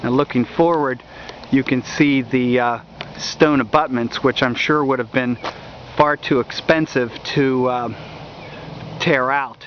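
A man narrating a walking tour outdoors along a wooded riverbank, talking in a halting way with many fillers, recorded on a handheld camera mic. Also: mid-range voice, steady tone, slight background noise. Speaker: history video host. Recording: dull lo-fi outdoor audio.

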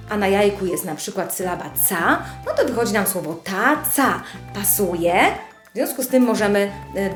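A woman speech therapist explaining children's learning games in a friendly, instructive way, speaking directly to parents. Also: mid-range voice. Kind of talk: instructional video presentation. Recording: echoey room with soft music.

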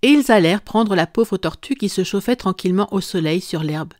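Woman, audiobook narrator, calm, even, mid pitch, dry studio sound. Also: a little fast, no room sound. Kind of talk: scripted narration.

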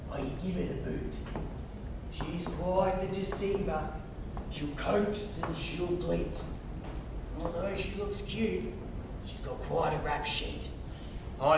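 A man's voice: high-pitched, very echoey, far from the mic, background noise. An actor playing a jumpy, paranoid male pig hiding in his brick house, talking in sing-song rhymes on stage. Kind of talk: stage play performance.

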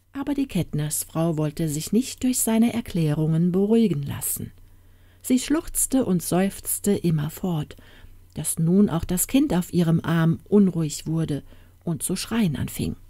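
A woman narrating a fairy tale in a calm, soothing way as an audiobook reader, close to the mic. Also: lowish voice, dry recording.

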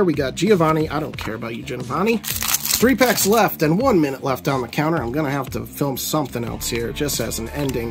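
A man casually commenting as he opens trading card packs, excitable and prone to swinging from glum to elated. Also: a little high. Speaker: card unboxing vlogger.

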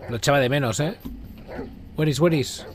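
Excitable man streaming a game. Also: a little high, normal speed. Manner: excitable, swears and reacts loudly. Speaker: streamer playing a video game. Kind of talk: live gameplay commentary.

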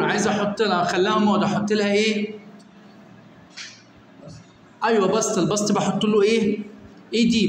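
A young man with an Egyptian Arabic accent, teaching an English revision lesson. He quizzes students by name and often answers his own questions. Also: sits high. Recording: echoey room with long reverb, faint noise.

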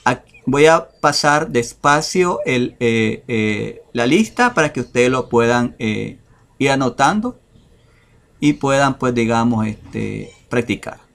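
A man teaching English vocabulary over a screen share, talking in a slow, hesitant way with many fillers. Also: mid-range voice, animated, gravelly, fairly bright tone.

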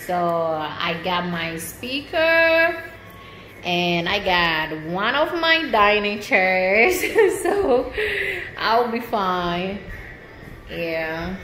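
Filming off-screen on a handheld phone, a female service member gives a casual tour of her nearly empty little apartment indoors. Her voice sits at a medium pitch, and her speech is slow and relaxed with regular laughter between lines. The recording is low quality, with a little hiss or hum.

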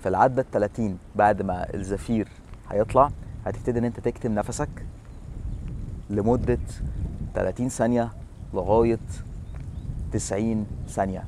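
A man's voice: lowish voice, steady tone, brisk, long pauses, warm tone, slight background noise. A man in his thirties with an Egyptian Arabic accent, presenting an informal fitness explainer to camera. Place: outdoor seafront bench in a city. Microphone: lapel.

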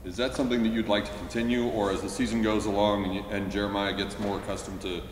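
A man's voice: on the low side, fairly even intonation, quick pace. A man asking a coach detailed, stat-based questions at a press conference. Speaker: sports reporter. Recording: echoey room with faint hiss.

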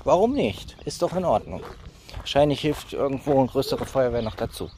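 A man's voice: medium pitch, animated, normal speed. Man rambling as he walks, noisy outdoor recording. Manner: rambling, talking while walking. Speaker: vlogger. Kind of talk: casual chatty walking vlog. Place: outdoors on a village roadside. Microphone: phone held at arm's length.

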